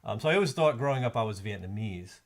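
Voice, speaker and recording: A man's voice: on the low side, animated, fast talker, a little hiss or hum. A middle-aged man chatting casually as co-host of a live board game stream, thinking aloud and rambling with fillers. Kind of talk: casual chat while playing a board game. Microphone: streaming mic.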